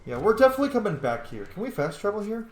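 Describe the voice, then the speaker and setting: Very fast and high-pitched, this man's voice swings widely in pitch as he streams a let's play. He keeps the game commentary casual and playful, cursing occasionally and drifting off on tangents. Faint background noise sits under a roomy echo.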